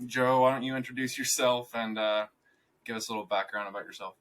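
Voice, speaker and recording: A man's voice: mid-range voice, fairly even intonation, fast talker, a bit bright. A man co-hosting a podcast, greeting listeners and asking a guest questions in a casual, upbeat way. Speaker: podcast co-host.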